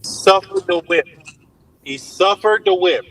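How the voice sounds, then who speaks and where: Guy on a glitchy call that keeps dropping out, kinda high voice, teasing. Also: slow pace, a bit bright, distant mic, low-quality recording. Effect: choppy online call audio that keeps cutting out. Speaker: participant in an online group call. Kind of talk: casual group chat.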